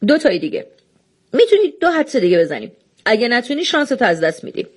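A woman's voice: on the high side, very animated, husky, pitched above the performer's own voice. A woman reading the lines of a rule-bound doorkeeper who apologizes but will not bend, in an audiobook. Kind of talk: audiobook dialogue.

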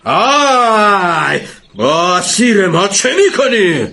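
A man voicing a fierce, sword-wielding villain who shouts threats in a storybook tale. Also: sits high, very animated, creaky, voice pushed up, heavily acted. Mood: threatening. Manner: shouted taunts, mocking.

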